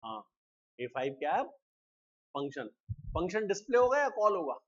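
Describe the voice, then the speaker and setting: A man teaching a live programming class, explaining step by step and often asking students quick check questions. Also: high voice, big pitch swings, dull audio. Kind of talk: live classroom coding lecture.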